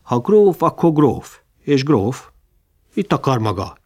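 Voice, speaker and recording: A man reading aloud, voicing a scornful, sharp-tongued peasant woman of about fifty in a storybook reading. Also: medium pitch, expressive, breathy edge. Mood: scornful outburst.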